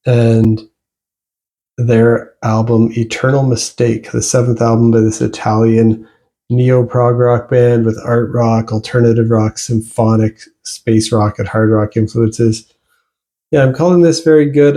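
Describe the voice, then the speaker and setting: Mellow-voiced man reviewing albums. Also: mid-range voice. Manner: relaxed, rambling, with fillers and restarts. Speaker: music reviewer. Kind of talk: casual album review vlog.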